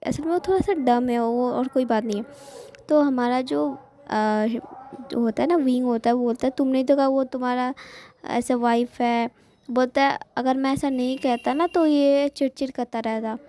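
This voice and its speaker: A chatty woman with an Indian accent retells a fan fiction story, speaking every character's lines herself. Her voice sits high but sounds soft and mellow, never sharp, and her delivery is loose and full of fillers. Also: a little hiss or hum. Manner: chatty, many fillers, quotes each character in turn.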